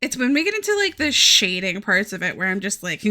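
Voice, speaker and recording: Chatting and rambling as she draws on a live stream, a young woman with a Southern American accent swears and laughs a lot. She speaks in a mid-range voice that sounds pushed and bright.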